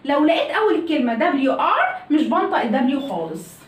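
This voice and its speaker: A woman's voice: sits high, sing-song, quick pace. A woman with an Egyptian Arabic accent teaching English pronunciation in a video lesson, asking and answering her own questions. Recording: echoey room, mic at a distance.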